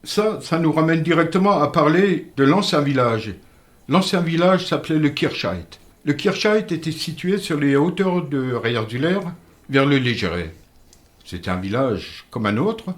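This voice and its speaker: Speaking into a studio microphone, an older native speaker of Alsatian-Lorraine Franconian dialect from Moselle, France recounts his village's history as a radio guest. His voice is a little high and expressive, and he tells it earnestly and measuredly, with halting restarts.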